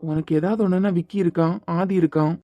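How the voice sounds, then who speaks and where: A woman voicing a calm, reassuring doctor man. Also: fairly low pitch, fast talker, no echo, close to an everyday voice. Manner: steady, comforting, advising. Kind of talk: Tamil audio drama acting.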